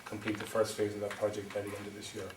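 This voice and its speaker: Talking fast in a low monotone, a middle-aged County Wexford man pitches wind energy at a town meeting, his delivery halting with ums and restarts. He's from Ireland and works as a developer. Background noise and a distant, echoey hall mark the recording.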